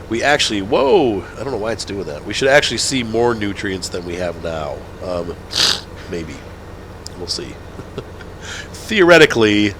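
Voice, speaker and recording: Congested from a cold, a man who hosts a gaming channel rambles through relaxed let's-play commentary on a farming game, self-correcting and chuckling. His pitch is fairly low and his tone a bit bright, with slight background noise.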